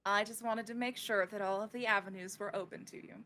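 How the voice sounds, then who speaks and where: A woman running a tabletop game as game master, narrating and explaining rules in a playful, informal, halting way. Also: mid-range voice, steady tone, bright, forceful tone.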